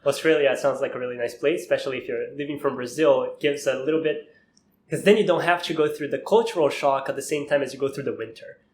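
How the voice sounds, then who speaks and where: A man's voice: mid-range voice, quick pace, roomy sound, slight background noise. A man hosting an interview podcast, asking questions casually and affirming often. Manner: affirming listener, frequent mm-hmm. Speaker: podcast host.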